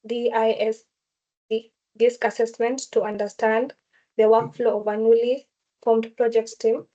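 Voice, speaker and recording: A woman's voice: a little high, flat delivery, normal speed, warm tone, lo-fi sound. A woman explaining a case study to classmates in a casual group discussion, with fillers and restarts. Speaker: student sharing a case study.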